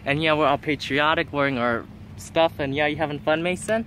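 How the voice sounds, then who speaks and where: Teen male vlogger, on the higher side, informal and chatty, light ambient noise behind him. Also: a little fast, fairly bright tone. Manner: chatty, rambling, exclaiming. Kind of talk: casual vlog chat to camera.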